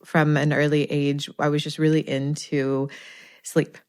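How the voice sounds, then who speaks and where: A woman's voice: low voice, little pitch movement, a little slow, a little mellow, clean tone. A woman from Hawaii in her forties, a sleep consultant guest speaking in an easygoing way on a podcast. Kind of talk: podcast interview.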